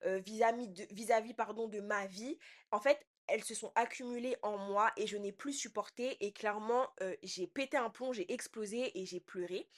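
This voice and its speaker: A young woman telling a personal story in casual slang, swinging between quiet asides and loud outbursts. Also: medium pitch, normal speed. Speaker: podcast host.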